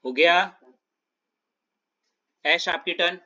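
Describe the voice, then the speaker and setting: एक आदमी, जो रसायन विज्ञान का शिक्षक है, ऑनलाइन क्लास में कदम दर कदम समझाता है और बार-बार छात्रों से पूछता है कि समझ आया या नहीं।. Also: male voice, a little high, slow, sharp tone, dull audio. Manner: explains step by step, checks students often. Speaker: chemistry teacher. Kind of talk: online class lecture.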